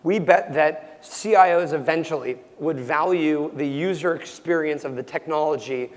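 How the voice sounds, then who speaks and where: Being interviewed, a young male startup founder speaks loudly, close to shouting, at normal speed, with plenty of ums and restarts. His slightly high voice is growing hoarse and prone to cracking as he loses it. The recording carries a long reverb tail.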